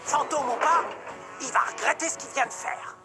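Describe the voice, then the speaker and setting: A woman's voice: sits high, moderate pace, loud music behind the voice, close to an everyday voice. A woman voicing a brash, hot-headed young boy battler in an anime dub, defiant and blunt. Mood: indignant. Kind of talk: French-dubbed anime acting.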